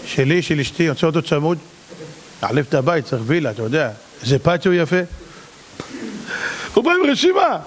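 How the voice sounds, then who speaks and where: A rabbi's sermon, delivered in a voice pitched high for a man, lurches between loud shouting and hushed pleading. It's an animated performance, and the long reverb of a large hall rings through it.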